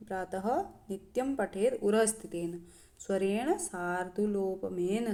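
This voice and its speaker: Slow, mellow-voiced woman teaching. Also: medium pitch. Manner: recites Sanskrit verses slowly, then explains with pauses and fillers. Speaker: Sanskrit teacher. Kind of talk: lecture explaining verses.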